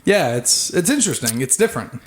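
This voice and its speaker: A man's voice: on the high side, sing-song, fairly quick, a little hiss or hum. A man co-hosting a casual band podcast, cracking jokes and laughing along with his bandmates. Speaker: band member and podcast co-host. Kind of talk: casual chat over beers.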